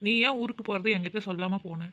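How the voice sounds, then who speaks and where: A cold, bitter young man, voiced by a woman for a cartoon, curt and sarcastic in every reply. His lines tumble out at a very quick pace. The sound is dull and lo-fi. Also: medium pitch, a bit bright, close to an everyday voice. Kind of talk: cartoon voice acting.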